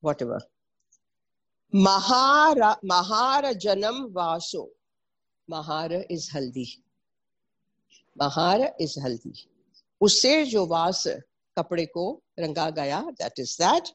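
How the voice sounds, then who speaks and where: A woman's voice: on the low side, very animated, normal speed, slightly rough. A middle-aged woman with a North Indian accent gives an informal explanatory talk, mixing English with Hindi and Sanskrit and repeating terms as she teaches. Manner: didactic, spells out and repeats terms. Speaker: presenter explaining traditional Indian textiles.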